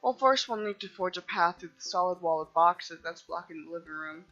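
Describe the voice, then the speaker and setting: A woman's voice: fairly low pitch, lively intonation, a little fast, a bit bright, highs cut off, soft background music. A woman playing a dating game, reading the dialogue aloud playfully and laughing at her own jokes.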